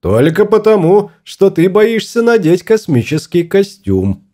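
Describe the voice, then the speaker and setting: A man's voice: high voice, sing-song, measured pace, dark tone, voice pushed up, heavily acted. A man voicing a stubborn, fussy husband exploring space in an audiobook, grumbling and obstinate.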